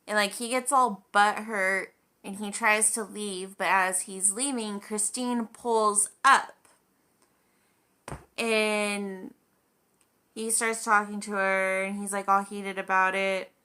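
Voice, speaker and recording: A woman's voice: medium pitch, fairly even intonation, takes it slowly, bright, forceful tone, clear, resonant tone. A woman vlogger telling a story in a casual, chatty way, full of "like" and acted-out quoted dialogue.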